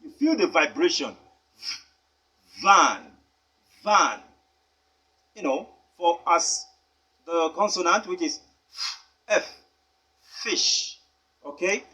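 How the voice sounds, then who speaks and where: A man teaching a pronunciation lesson, speaking deliberately and emphatically and spelling words out letter by letter. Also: high voice, bright, forceful tone, breathy edge. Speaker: English teacher.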